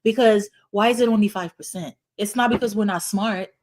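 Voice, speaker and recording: Speaking briskly in a medium-pitched, slightly mellow voice, a middle-aged woman from Haiti who works as an internal medicine hospitalist answers interview questions as a guest. She explains things earnestly and uses "you know" frequently.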